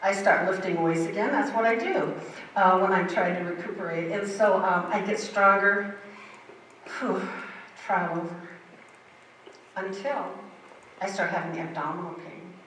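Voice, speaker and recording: An older woman's mid-range, fairly bright voice carries through a very echoey church sanctuary as she gives a vivid, emphatic personal testimony. She talks at a normal speed but pauses often, recorded from a distance with a little hiss or hum.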